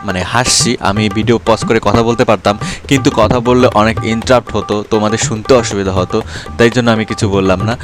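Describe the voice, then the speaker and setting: A man giving casual commentary as host of a reaction video. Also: lowish voice.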